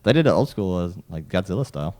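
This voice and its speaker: A very deep-voiced man chatting on a movie podcast. He keeps it laid-back, mostly tossing in short replies and quick reactions. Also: very animated, dark tone. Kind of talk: casual chat.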